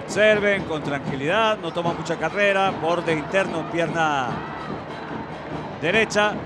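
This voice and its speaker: A man with a high voice gives color commentary on penalty kicks. He breaks down each shot calmly and in detail. Music and a loud crowd sit under the broadcast. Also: a little slow. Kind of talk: football analysis commentary.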